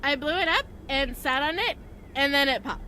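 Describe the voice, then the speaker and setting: A woman's voice: sits high, animated, normal speed, background noise. An actress playing an oblivious, ditzy female customer in a game.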